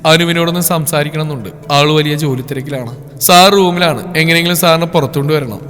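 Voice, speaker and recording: A man, telling a story in a plain, steady way. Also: on the high side, brisk. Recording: echoey room with faint music.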